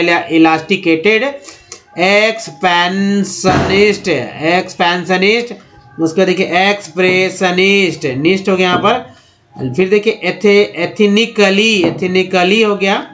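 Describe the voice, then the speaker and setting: A high-pitched young man runs a slow pronunciation lesson, sounding out English words one syllable at a time and repeating each one. Faint music plays under his voice. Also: fairly bright tone. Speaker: English teacher.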